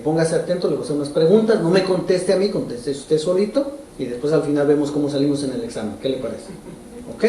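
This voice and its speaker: A man's voice: fairly high pitch, mellow, a little hiss or hum. Man preaching in an echoey church. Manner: conversational, asks the congregation direct questions. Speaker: pastor. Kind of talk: sermon. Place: church hall. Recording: roomy echo from far off.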